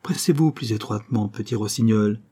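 A man's voice: lowish voice, a little fast, mellow, breathy edge. A man reading the lines of an insistent male rose tree in a storybook. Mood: urgent. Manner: insistent, urging.

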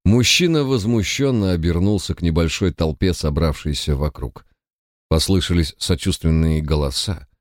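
Deep-voiced man narrating a story. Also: moderate pace, no echo, studio quality. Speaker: audiobook narrator. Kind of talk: scripted narration.

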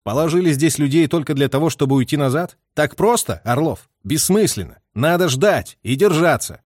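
A man's voice: fairly high pitch, expressive, moderate pace, no echo, studio quality. A man doing a hard, probing officer. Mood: grim. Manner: sharp questioning.

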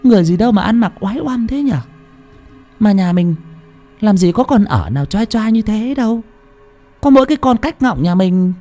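A man voicing a bossy old woman, the mistress of the house, in a high shrieking falsetto. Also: expressive, normal speed, mellow, faint music behind. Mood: puzzled.

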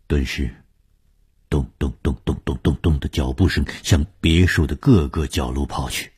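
A man narrating a suspense story for radio, reading dramatically and dropping to a hush in tense passages. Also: very deep voice, normal speed, breathy edge.

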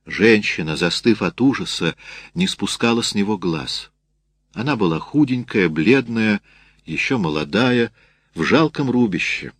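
A man reading a novel aloud in a steady, measured way. His voice sits low, and the recording is dry and close with no room sound. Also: no room sound. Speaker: narrator. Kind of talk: audiobook narration.

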